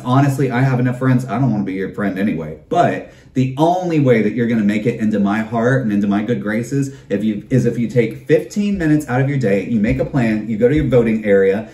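A man's voice: mid-range voice, dark tone. A man hosting his own videocast, delivering a campy, profane comedic rant and calling listeners darling. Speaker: videocast host. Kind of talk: comedic ranting monologue. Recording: roomy, distant mic.

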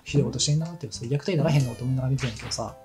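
A man's voice: medium pitch, rapid-fire. A man with a Kansai accent chatting casually and telling rambling stories while he plays a game. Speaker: let's play commentator. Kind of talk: casual chat over gameplay. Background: game music.

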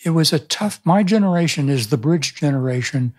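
Animated and a little fast, this man's fairly high voice has a slightly mellow quality. He's a pastor and author in his seventies, sharing stories thoughtfully in a reflective interview and often restarting sentences. A boom-arm studio mic records him in a small indoor room.

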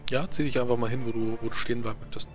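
A man's voice: mid-range voice, steady tone, rapid-fire. A man acting as game master, narrating and prompting players in a tabletop role-playing game. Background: music.

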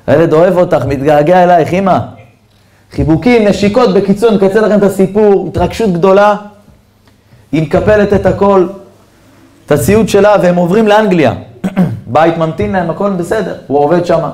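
A man, a rabbi, giving a storytelling sermon in an animated way and speaking straight to his listeners. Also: sits high. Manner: animated storyteller who addresses listeners directly. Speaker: rabbi giving a Torah lesson.

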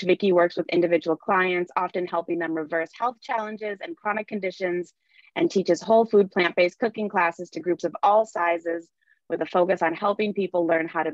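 A young woman who manages media and outreach for a nonprofit reads a prepared event introduction in a steady, scripted way. Her voice is low, and the audio is dry and muffled like a typical video call from an indoor room.

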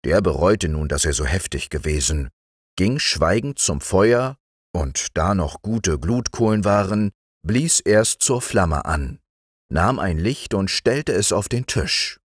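A man reading a fairy tale aloud in a calm bedtime manner, slow and expressive, into a close microphone. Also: sits low, breathy edge, no room sound. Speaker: audiobook reader.

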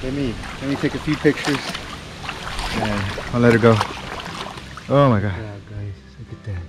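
A man commenting excitedly from a small boat on a river, exclaiming as he talks to his viewers. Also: medium pitch, moderate pace, over music, poor audio. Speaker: fishing vlogger. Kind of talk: casual vlog commentary. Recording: wind and boat noise behind.

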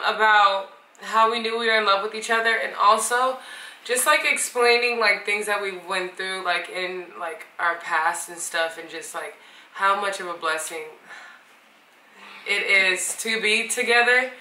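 A woman's voice: mid-range voice, unhurried, sharp tone, roomy sound, distant mic, poor audio. A woman co-hosting a vlog in casual chat, filling her talk with "like". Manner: chatty, heavy use of "like". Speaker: vlog co-host.

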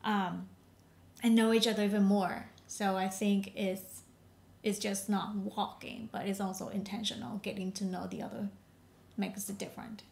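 Vietnam-born woman, earnest and halting. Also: mid-range voice, little pitch movement, gravelly. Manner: warm, earnest, slightly halting phrasing. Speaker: podcast co-host. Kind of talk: casual chat.

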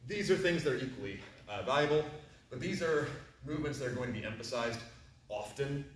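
A man giving an instructional fencing demonstration, explaining movements and breaking them into short, crisp commands. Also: medium pitch, lively intonation, a little fast. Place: large echoey indoor training hall. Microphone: distant camera microphone. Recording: very echoey room, distant mic, faint noise.

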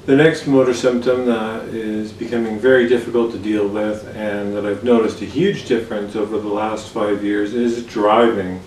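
A man in his forties speaks in a candid, relaxed vlog style, filling his pauses with small hesitations. His mid-pitched voice sits back from the microphone in a roomy space. A faint hiss runs underneath. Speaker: vlogger. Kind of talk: casual personal vlog. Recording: roomy sound from a distant mic with faint background hiss.

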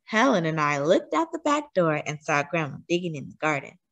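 A teacher reading a picture book aloud to children. She reads expressively, her pitch rising and falling freely through the story. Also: brisk. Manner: expressive, animated.

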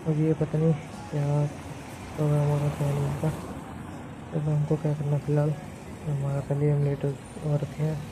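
A man's voice: a little high, monotone, normal speed, long pauses, noisy background. A young man with a Haryanvi accent, chatting casually to his viewers as he films himself on his phone. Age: young adult. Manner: informal, chatty, addresses viewers as guys. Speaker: vlogger. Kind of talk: casual vlog narration to camera. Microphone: phone selfie camera at arm's length.

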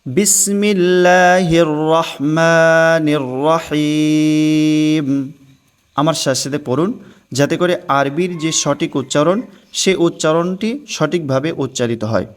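A man teaching Quran recitation in a slow, measured way, repeating words for listeners to echo. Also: on the high side. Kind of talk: religious recitation lesson.

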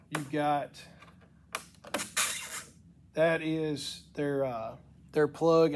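A man's voice: a little high, noisy background. A middle-aged man with a congested, cracking voice, giving a casual, folksy product walk-through in a plain-spoken way. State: congested, voice cracking from sinus infection and allergies. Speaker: product reviewer. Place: indoor wooden-shelved workshop.

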